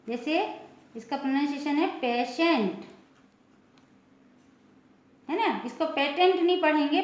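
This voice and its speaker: Woman teacher, high voice, slow and deliberate, spells each word out, then answers her own question; echoey lo-fi room. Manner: spells words letter by letter, then repeats the answer slowly. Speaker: English pronunciation teacher. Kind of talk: classroom lesson. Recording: echoey room, dull lo-fi sound.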